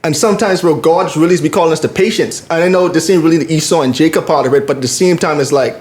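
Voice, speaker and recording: Slangy man with a fairly high voice. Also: fast talker, darkish tone. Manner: slangy, repetitive for emphasis, peppered with "bro". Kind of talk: casual faith discussion. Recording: echoey room.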